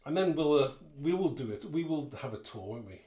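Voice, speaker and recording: Demonstrating card making live in an indoor craft room, a man talks casually and thinks aloud while working, his mellow voice on the high side with lively intonation and a slightly fast pace. Echo from the room, clear background noise, and clicks can be heard in the recording.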